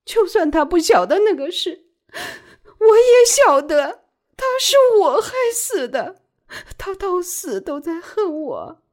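A woman's voice: very high voice, sing-song, slow pace, a little mellow, pitched above the performer's own voice, exaggerated voice. A woman voicing a defiant, newly widowed woman who speaks sharply and bitterly. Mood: wailing.

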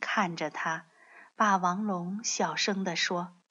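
A woman reading a picture book aloud in a soft, expressive storytelling voice. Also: lowish voice, takes it slowly, breathy edge. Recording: dull lo-fi audio.

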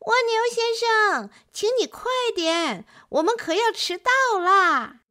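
A woman voicing an impatient, hungry male turtle in a children's storybook, calling out loudly. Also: very high voice, sing-song, takes it slowly, pitched above the performer's own voice, exaggerated voice. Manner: shouting impatiently.

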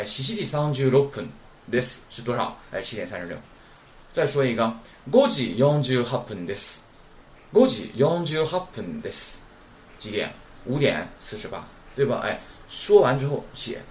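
A man teaching a recorded Japanese lesson. He keeps asking rhetorical questions and models pronunciation slowly and clearly. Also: medium pitch. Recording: roomy with faint background noise.

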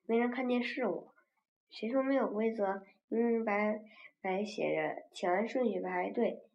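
A woman reading a story aloud in a measured recitation, with pauses and occasional fillers. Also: medium pitch, gravelly. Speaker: reader. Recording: roomy, dull lo-fi recording.

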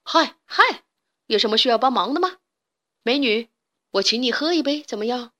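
A woman's voice: a little high, expressive, moderate pace, fairly bright tone. A woman playing a cocky, mocking chubby chick. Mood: flirty. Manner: mocking, showing off.

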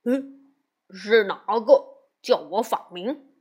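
A woman's voice: medium pitch, animated, takes it slowly, darkish tone, breathy edge. A woman voicing a greedy, cowardly male pig monk who whines and blusters in a storybook tale. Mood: pleading. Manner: whiny, blustering.

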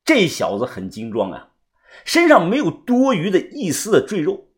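A man narrating a web-novel audiobook with lively, theatrical storytelling. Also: high-pitched, moderate pace.

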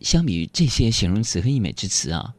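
A man hosting a radio show, joking through a playful, self-mocking monologue that sometimes stammers when he gets excited. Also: lowish voice, fast, dry recording. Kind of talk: comic monologue.

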